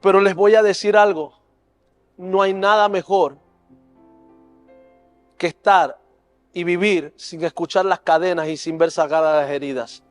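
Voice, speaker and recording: A man with a notably high voice delivers a sermon testimony at a church service. He speaks earnestly and emotionally, building toward fervent preaching. Soft music plays faintly behind him. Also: steady tone, unhurried, pauses often. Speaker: preacher and youth leader.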